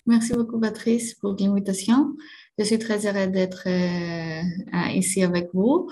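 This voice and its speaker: A woman's voice: medium pitch, fairly even intonation, a little slow, warm tone. A woman from Greece with a Greek accent, giving an academic talk over a video call, careful and searching for words. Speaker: guest lecturer.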